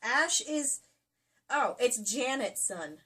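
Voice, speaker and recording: A woman co-host reads a novel aloud for comic effect, going mock-theatrical and slipping into casual asides. Her voice is fairly high, fairly bright and husky, animated but slow-paced. The mic is distant and the room is noisy.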